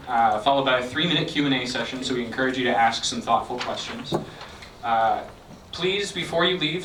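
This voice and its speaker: A man's voice: on the high side, pushed and bright. Male event host, casual announcements, echoey room with faint background hum. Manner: friendly, many fillers. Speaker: event organizer. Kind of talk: event introduction. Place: lecture room. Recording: echoey room, mic from a distance.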